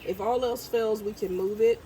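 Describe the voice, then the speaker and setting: A woman's voice: medium pitch, fairly even intonation, moderate pace, dark tone, a little hiss or hum. A congested woman vlogging as she plants her garden outdoors, chatty and thinking aloud while she works. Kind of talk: casual vlog narration while gardening. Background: birds and outdoor ambience.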